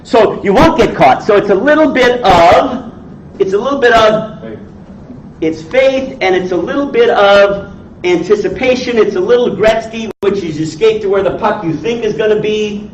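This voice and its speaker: High-voiced man in his sixties lecturing, echoey room. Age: 60s. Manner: blunt, teasing, salty, quizzes listeners. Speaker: entrepreneur lecturer. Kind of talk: informal lecture to a class. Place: indoor teaching room with audience. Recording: echoey room, distant mic, dull, faint noise.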